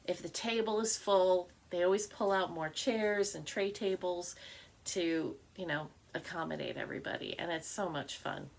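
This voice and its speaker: A woman's voice: fairly low pitch, normal speed, creaky, a little hiss or hum. A middle-aged woman chatting casually about her stitching, rambling with fillers and restarts. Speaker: cross stitch vlogger. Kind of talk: casual chat.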